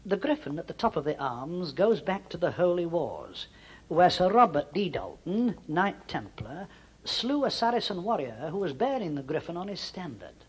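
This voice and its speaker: A talking robot cavalier, a stately-home tour guide, as a man voices it, its words played back from a cassette tape inside the machine. The delivery is formal and recited, with a husky edge and a pitch that rises and falls a great deal. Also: sing-song, full character voice. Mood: stately, welcoming. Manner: formal and measured, like a recited script. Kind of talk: scripted guided-tour speech.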